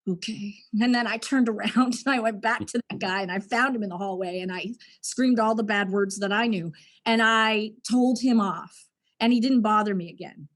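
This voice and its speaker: A Canadian woman telling her own story as a podcast guest, speaking frankly and reflectively. Her voice sits at a typical middle pitch. She lets an easy laugh through from time to time. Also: normal speed. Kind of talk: candid personal storytelling.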